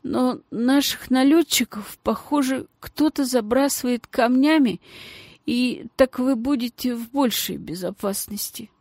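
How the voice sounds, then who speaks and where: A courteous, shaken scholar , as a woman narrator reads him speaks in formal, halting phrases. The voice sits close and dry on the mic. His tone stays quiet and correct. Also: high-pitched, no room sound, voice pushed up. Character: polite, shaken male scholar.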